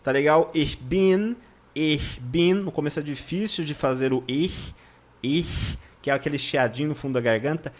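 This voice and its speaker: A Brazilian man teaching German in an online lesson. He spells out words slowly, repeats them syllable by syllable and keeps checking in with his viewers. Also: on the high side. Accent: Brazilian Portuguese. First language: Portuguese.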